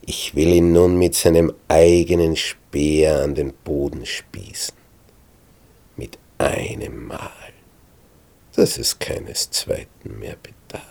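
A man voicing an eager male soldier who whispers urgently and slowly in the dark. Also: very deep voice, little pitch movement.

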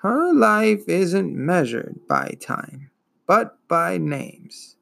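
A man voicing an ancient, weary female giant turtle who speaks in a slow, gloomy, wheezing drawl. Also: sits high, sing-song, creaky, a bit bright, pitched above the performer's own voice, exaggerated voice.

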